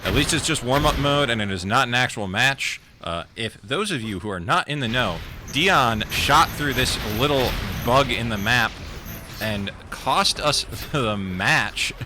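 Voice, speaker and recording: A man's voice: medium pitch, expressive. Man casting a live game, noisy stream. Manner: laid-back and rambling between rounds, louder and quicker during action. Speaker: esports caster. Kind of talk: live play-by-play commentary.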